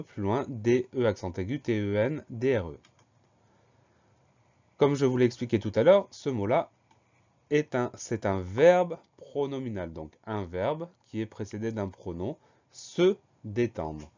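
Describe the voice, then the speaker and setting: A man teaching a French spelling dictation lesson, explaining each word slowly and spelling it out letter by letter in a patient, steady way. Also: fairly low pitch, lo-fi sound. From France.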